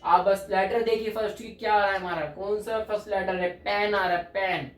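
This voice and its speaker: A man's voice: high voice, fairly even intonation, a little fast, soft background music. A man teaching English grammar, explaining patiently, repeating key points and checking often that students follow. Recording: echoey room from a distance.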